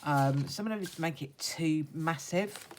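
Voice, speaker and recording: Woman, low-pitched, croaky and hoarse, casual craft tutorial, unhurried talk while working, slight background noise. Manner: unhurried, talks along while working with her hands. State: hoarse, still getting over a croaky voice. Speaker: craft vlogger demonstrating techniques.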